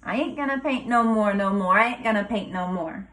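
A kindergarten teacher reads a rhyming picture book to young children in a sing-song way, pausing dramatically before each rhyme and asking questions. Her voice is medium-pitched with a fairly bright tone.

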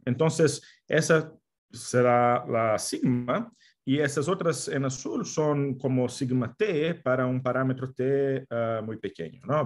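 A male professor gives an academic talk on a video call in Spanish that is not his native language. His foreign accent is audible, and he speaks haltingly at a middling pitch, often searching for the next word. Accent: non-native Spanish. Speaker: guest lecturer, mathematics professor. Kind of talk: academic online lecture. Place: indoor room, video call.

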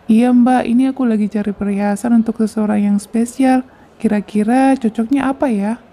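A woman voicing a kind young man who speaks calmly and steadily and apologizes gently, in a fan-dubbed game drama. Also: a little high, moderate pace. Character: kind young man, attentive boyfriend type.

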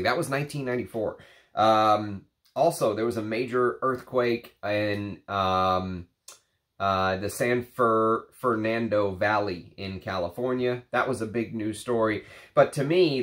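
Surrounded by shelves of perfume bottles at home, a man in his thirties who reviews perfumes rambles to the camera, chatty and full of fillers. He has a cold, leaving his lowish, somewhat bright voice a little congested and slightly nasal.

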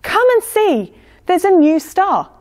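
A woman voicing an eager, excited star watcher in a story told for children. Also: very high voice, slow pace, pitched above the performer's own voice, exaggerated voice. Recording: echoey church hall.

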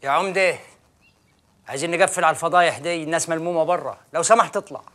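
An actor playing a stern, pious village sheikh, who speaks in an accusing tone. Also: male voice, fairly high pitch, rapid-fire, lightly acted. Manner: stern, accusing, shouting from outside. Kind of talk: film acting.

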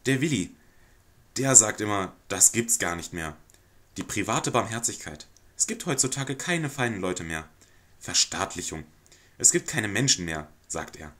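A sly male lodger, played by a man reading a play aloud talks in a wheedling, mock-humble way. His voice moves with lively pitch as he pities himself. It is a plain male voice under the act. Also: a little slow, heavily acted. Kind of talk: audiobook reading of a stage play.

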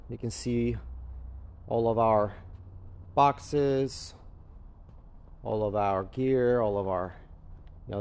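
Through a handheld camera or phone, a man with a fairly low, slightly mellow voice gives an unscripted walkthrough of his crypto mining farm. He explains things in a casual, matter-of-fact way inside a large indoor warehouse with a concrete floor, and there is slight background noise.

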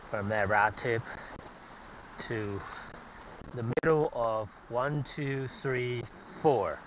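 A man filming himself fishing, talking in a halting way with many fillers and repeated words, recorded outdoors on a head-mounted camera. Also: mid-range voice, noisy background. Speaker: angler filming his catch. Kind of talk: casual fishing vlog narration. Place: outdoors at a pond bank. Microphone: head-mounted action camera.

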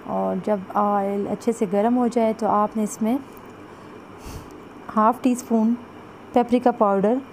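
A woman's voice: mid-range voice, steady tone, slow pace, pauses often, darkish tone, slight background noise, low-quality recording. A woman talks through a recipe step by step as a cooking vlogger. She keeps saying "jo hai" and points to the pot while she cooks in her home kitchen. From Pakistan. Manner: chatty, repeats "jo hai" and "ye dekhein" while showing the pot.

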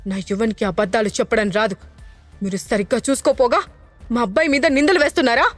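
A woman playing a fierce, protective mother in an audio story, higher voice, sharp and confrontational. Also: fairly quick, soft background music, lightly acted. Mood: angry. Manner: anxious and confrontational. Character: protective, fiery young mother.

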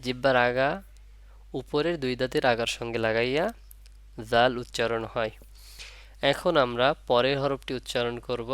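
This online Arabic letter lesson comes from a Bengali-speaking man with a medium-pitched, steady voice that's a bit bright, clear, and resonant, with no room sound. He stretches out each letter's sound for Quran reading, goes over every point again, and puts questions to his pupils.

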